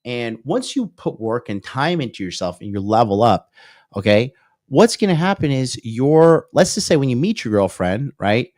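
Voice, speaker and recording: A mid-range, sing-song voice with a darkish tone moves at normal speed, recorded in studio quality without echo. The speaker is a male dating coach in his thirties lecturing on a livestream whiteboard, reading and answering viewer comments while tossing in "okay?" and "right?".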